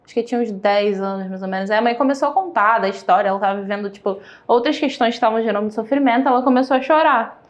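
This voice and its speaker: A woman's voice: on the high side, fast talker, few pauses, highs cut off. A woman with a Brazilian Portuguese accent, a psychiatrist guest on a podcast, agreeing often and explaining in plain, casual speech. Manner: agreeable, many short affirmations, explains plainly. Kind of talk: casual conversational interview.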